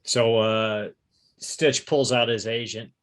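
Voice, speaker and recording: A man's voice: medium pitch, fairly even intonation, takes it slowly. Methodical man explaining his rolls. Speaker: player. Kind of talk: casual tabletop play.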